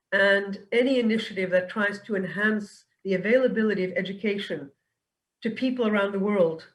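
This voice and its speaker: A woman, a business school director, speaking thoughtfully and pausing to find her words. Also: medium pitch. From New York. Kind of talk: speech at an online event. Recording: voice from a distance.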